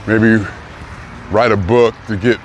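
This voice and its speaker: A man's voice: on the low side, fairly even intonation. Musing man in his sixties, street traffic. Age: 60s. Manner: musing, halting, thinks aloud with pauses and restarts. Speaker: vlogger. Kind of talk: reflective personal vlog. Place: outdoors on a city street, walking. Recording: outdoor traffic noise. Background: passing cars and street noise.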